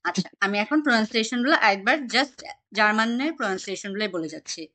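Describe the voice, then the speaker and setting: A woman's voice: mid-range voice, animated, rapid-fire, bright, forceful tone. A woman teaching an online German class, patiently quizzing her students on pronunciation over a video call.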